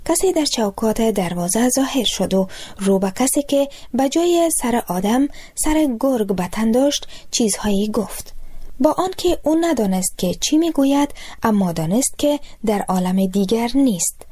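A woman with an Afghan Dari accent, narrating a short story in a calm, even storytelling manner. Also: fairly high pitch.

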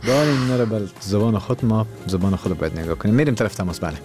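A man's voice: fairly low pitch, animated, darkish tone, soft background music. A man with an Afghan Dari accent hosting a radio call-in show, talking earnestly and lecturing about keeping one's culture.

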